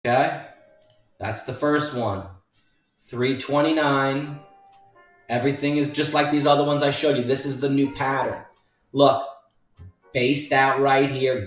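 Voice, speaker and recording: Addressing his viewers as folks, this newsletter writer and trading educator talks slowly through a stock chart in a casual, emphatic, repetitive way. His pitch is medium, and the distant microphone picks up a lot of room echo along with faint background music.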